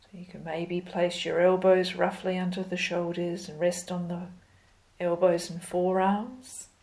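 Very slow, low-voiced woman guiding yoga. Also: rough recording. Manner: calm, unhurried, gentle step-by-step cueing. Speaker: yoga instructor. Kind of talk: slow guided yoga instruction.

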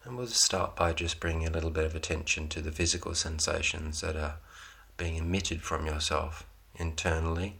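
A man leading a guided relaxation meditation, giving soothing, unhurried instructions in short phrases with pauses between them. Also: a bass voice, fairly even intonation, creaky, pushed and bright.

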